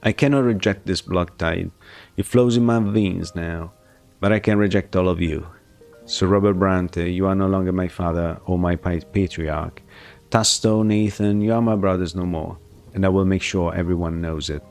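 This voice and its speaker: A man's voice: low-pitched, steady tone, moderate pace, creaky, a little mellow, soft background music. A man voicing a bitter, proud young nobleman, the scornful eldest son, with a haughty, cutting delivery. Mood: cold.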